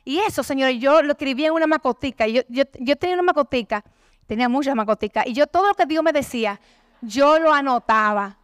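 A woman's voice: sits high, fast, dry recording, clean studio sound. A middle-aged woman, giving an impassioned church testimony and acting out the prayers she quotes. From Dominican Republic. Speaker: conference speaker giving testimony.

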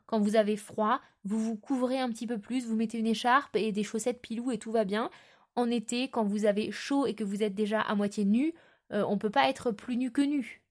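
A woman's voice: fairly high pitch, moderate pace, darkish tone. A woman chatting casually about books she has read and plans to read, with many fillers and restarts. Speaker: book vlogger. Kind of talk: casual book chat.

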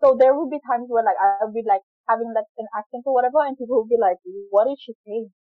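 A woman's voice: on the high side, fast, no room sound. Rambling young woman on a muffled call. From Papua New Guinea. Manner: rambling, many fillers, laughs often. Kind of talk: casual chat. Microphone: video call. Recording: dry, muffled video call audio.

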